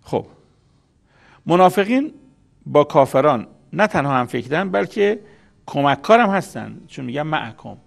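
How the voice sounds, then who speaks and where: Gravelly-voiced man teaching scripture. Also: on the high side, big pitch swings, long pauses. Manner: explanatory, repeats key words. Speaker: Quran commentator. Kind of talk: religious lecture.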